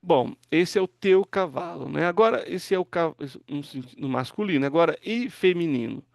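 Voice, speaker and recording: Man, pastor-teacher, patient step-by-step explainer, slightly high, gravelly, dry close sound. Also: lively intonation, normal speed, no echo. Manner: patient, explains step by step, asks students to read. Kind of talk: online class teaching.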